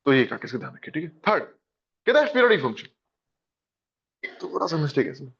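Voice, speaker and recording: A man's voice: fairly high pitch, fast talker, creaky, slightly rough. A man with an Indian accent teaching math, going over a test with students in an encouraging way. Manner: lively, encouraging, addresses students as beta. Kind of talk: discussing a test in class. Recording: dull lo-fi classroom recording.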